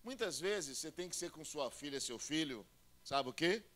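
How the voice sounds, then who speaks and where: A man preaching with a high, bright voice and big swings in loudness. He pushes hard on key lines, then drops to a low, near-confidential tone, and acts out little quoted voices along the way. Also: animated, moderate pace. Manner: emphatic, swings from loud shouting to low intimate talk. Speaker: pastor. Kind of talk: sermon.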